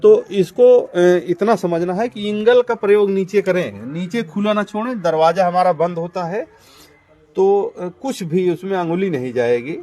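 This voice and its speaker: Speaking in a high-pitched voice with a dark tone at a moderate pace, a man demonstrates his poultry farm in a relaxed tour. He calls viewers his friends and brother, walking through each step with lots of fillers and repeating himself.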